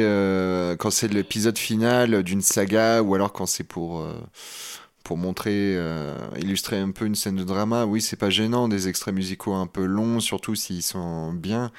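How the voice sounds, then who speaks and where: Low-voiced relaxed male podcast host. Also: clean tone. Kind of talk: casual chat.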